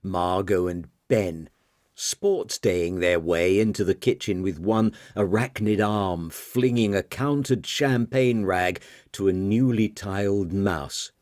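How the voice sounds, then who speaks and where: Deep, slow, expressive male narrator. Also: no echo, clean studio sound. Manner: dramatic, expressive reading. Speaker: audiobook narrator. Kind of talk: scripted narration.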